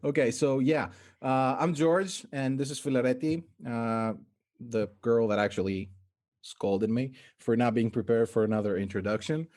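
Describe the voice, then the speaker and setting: A man's voice: medium pitch, normal speed, darkish tone. A man hosting a casual video-call interview, rambling and self-deprecating. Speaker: interview host.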